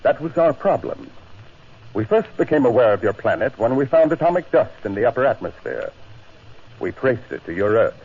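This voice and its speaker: An actor playing a calm, commanding alien space captain in a 1950s radio drama, with formal, measured delivery. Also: male voice, medium pitch, breathy edge. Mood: grave explaining. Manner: formal, measured, authoritative declarations. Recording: muffled, noisy 1950s radio recording.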